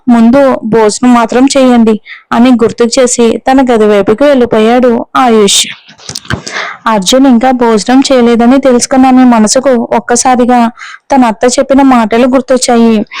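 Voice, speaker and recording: A woman storyteller reading a scripted story in a steady, even way. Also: a little high, clean tone, no echo, poor audio.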